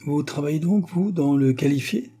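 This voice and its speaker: A man reading an audiobook and voicing a hoarse, cynical male street thug who talks slangy and boastful. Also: mid-range voice, moderate pace, mellow. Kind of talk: audiobook character voice.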